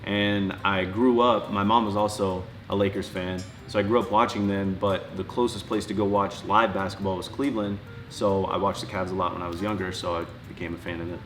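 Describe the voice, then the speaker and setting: A young man from Ohio, speaking in a low-key way during a casual chat with his housemates. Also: fairly even intonation, brisk, hardly any pauses, faint music behind. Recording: echoey room.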